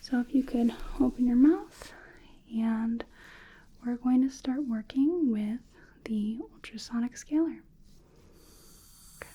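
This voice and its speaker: A woman whispering softly in an ASMR roleplay as a dental hygienist, slow and reassuring, often checking in with a gentle "okay?", close to the mic. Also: on the high side, husky. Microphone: close sensitive mic.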